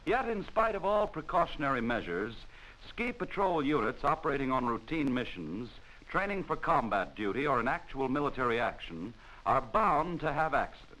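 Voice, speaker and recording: An American man delivers narration styled after a 1940s military instructional film, formal and measured in a mid-pitched voice that rises and falls with animation. It has the feel of a vintage film soundtrack, and the recording quality is low.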